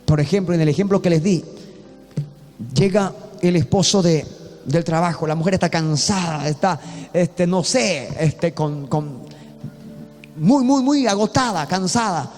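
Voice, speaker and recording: A man's voice: high-pitched, a little slow, long pauses, darkish tone, in a large hall, soft background music. A man from Bolivia preaching a sermon as a pastor, talking earnestly and repeating himself with many restarts.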